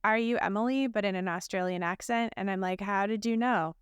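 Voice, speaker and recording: In a casual podcast chat recorded abroad, likely in a hotel room, a woman co-host laughs and chats through stories with lots of fillers. Her medium-pitched voice is steady and clean at a fairly quick pace, though the dry recording sounds dull.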